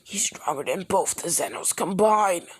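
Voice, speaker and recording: A woman voicing a shaken male rival warrior who speaks only in a hushed whisper. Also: fairly low pitch, animated, unhurried, husky, dry recording. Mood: awed.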